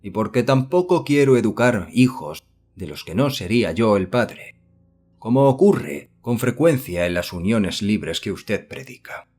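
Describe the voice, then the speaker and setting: Man voicing a pompous middle-aged gentleman, low voice, formal, condescending. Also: expressive, a little slow. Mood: curt. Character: stiff, self-important middle-aged male suitor.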